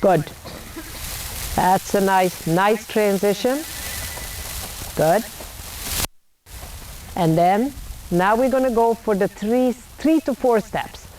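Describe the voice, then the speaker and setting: A woman coaching a riding lesson, calling out brisk, projected commands in short, blunt, repeated directions. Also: medium pitch, darkish tone. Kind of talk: live horse-riding lesson, calling out instructions. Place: outdoor riding arena. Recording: noisy outdoor ambience.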